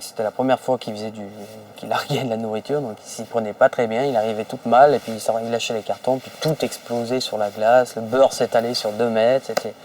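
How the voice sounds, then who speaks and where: A man's voice: medium pitch, darkish tone. A man telling colloquial anecdotes in an informal documentary interview, as a member of an expedition. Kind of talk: informal spoken recollection. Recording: dry, slightly distant microphone.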